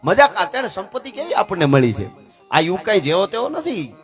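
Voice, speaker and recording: Man, folk storyteller, lively and chatty, high voice, faint music behind. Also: a little fast. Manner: lively, conversational, jokes and asides. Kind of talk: folk storytelling to a live audience.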